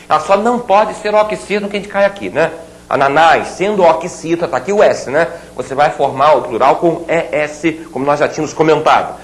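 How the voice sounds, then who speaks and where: A man teaching grammar to students, spelling out example words slowly and checking in with rhetorical questions. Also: on the high side, low-quality recording. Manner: playful asides to students. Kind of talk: recorded grammar lesson at a board.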